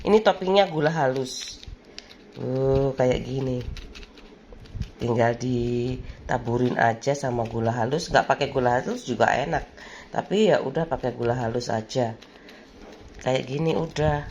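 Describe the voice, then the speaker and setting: A woman's voice: extremely low pitch, slight background noise. A woman, chatting casually in a home kitchen as she cooks for her vlog, rambling through memories and laughing often. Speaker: vlogger.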